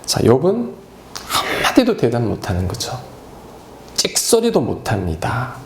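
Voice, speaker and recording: Emphatic male pastor with a gravelly voice. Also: medium pitch, huge pitch swings, measured pace, echoey room, background noise. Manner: emphatic, rhetorical questions to the congregation. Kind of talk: sermon.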